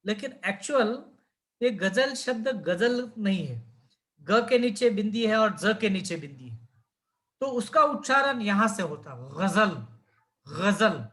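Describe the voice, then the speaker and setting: A man's voice: high-pitched, fairly bright tone. A man teaching a class on speaking skills, asking students questions and modeling pronunciations.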